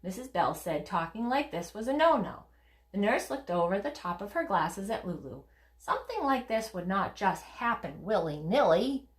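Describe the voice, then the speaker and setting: Woman kindergarten teacher, lively playful storybook reading, roomy echo. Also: mid-range voice, moderate pace. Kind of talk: storybook read-aloud.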